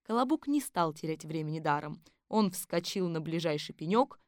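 A woman narrating a story in a steady storytelling manner. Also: low-pitched, normal speed, no room sound, clean studio sound. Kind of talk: audiobook narration.

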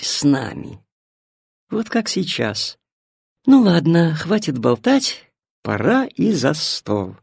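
Man doing a kind old grandmother, storybook, tender and coaxing, husky, lilting. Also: mid-range voice, a little mellow, dry recording, clean studio sound, exaggerated voice. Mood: fond. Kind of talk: storybook reading.

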